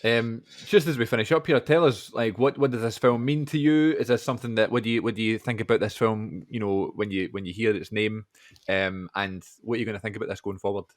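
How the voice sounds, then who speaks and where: A man's voice: fairly low pitch, brisk. A man hosting a podcast, chatting loosely and asking questions with plenty of fillers. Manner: relaxed, filler-heavy questions. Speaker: podcast host. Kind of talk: casual film chat.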